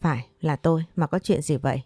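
Woman doing a bitter spoiled young woman, low mellow voice. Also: brisk, breathy edge, no room sound, clean studio sound. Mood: frightened. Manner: sulky, resentful.

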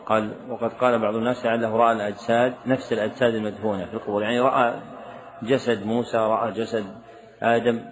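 Flat, quick-talking sheikh answering questions. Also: male voice, fairly low pitch, noisy background. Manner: reads questions aloud, then answers briefly and firmly. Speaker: sheikh teaching a religious text. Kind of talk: lesson, answering written questions. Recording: dull lo-fi lecture recording.

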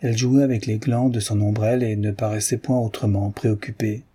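Low husky male audiobook narrator. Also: steady tone, mellow. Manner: measured literary reading. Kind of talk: scripted narration.

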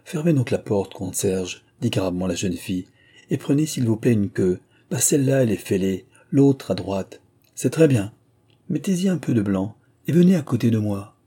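A man's voice: fairly low pitch, lively intonation, normal speed, mellow, breathy edge. A man voicing a self-assured young woman who teases in a playful, mock-stern way, reading from a storybook. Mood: teasing.

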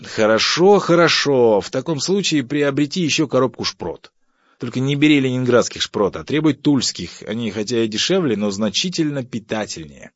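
A man voicing a stingy, pompous middle-aged husband who lectures about thrift and turns shrill when provoked. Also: expressive, moderate pace, no echo, lightly acted. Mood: stingy lecturing. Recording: dull, dry audiobook recording.

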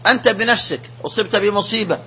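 A man giving a religious lesson as a sheikh, preaching in an emphatic, animated way. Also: high-pitched, quick pace, husky.

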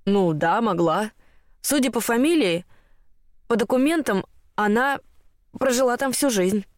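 A woman voicing a young male scholar who speaks in a halting, hesitant way. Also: on the high side, lively intonation, dry recording, clean studio sound.

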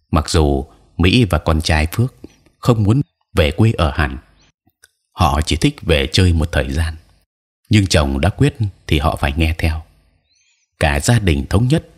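A man narrating an audio story in a measured, even storytelling manner. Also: a bass voice, slightly rough.

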